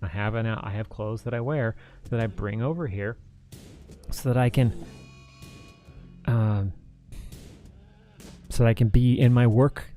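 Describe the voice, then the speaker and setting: A mentally exhausted man co-hosting a livestream chat, talking in halting starts and restarts. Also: mid-range voice, warm tone, soft background music. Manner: halting, restarts often, tired. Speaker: streamer and co-host.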